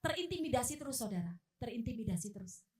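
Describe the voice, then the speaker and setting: A woman preacher delivering a sermon in a church, animated, acting out quoted voices and swinging between loud outbursts and hushed asides. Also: fairly high pitch, fast. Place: church hall. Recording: echoey hall from far off.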